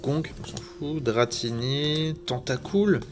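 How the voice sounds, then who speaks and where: A man's voice: mid-range voice, takes it slowly, faint music behind. A man casually commenting while he opens trading card packs, joking at his own expense with rambling asides. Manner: jokey, chatty, wandering asides. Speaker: YouTuber opening Pokémon card packs. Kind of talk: casual self-mocking commentary to camera.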